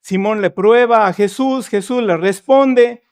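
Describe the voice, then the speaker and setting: A man's voice: high-pitched, measured pace, clear, resonant tone. A man preaching a sermon in church, retelling a Bible story and acting out its dialogue. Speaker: pastor.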